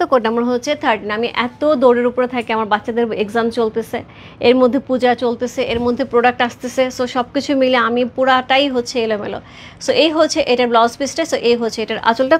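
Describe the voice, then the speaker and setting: A woman in her thirties from Bangladesh, hosting a live-stream saree sale with quick, repetitive sales patter and chat with her viewers. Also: on the high side, fairly even intonation.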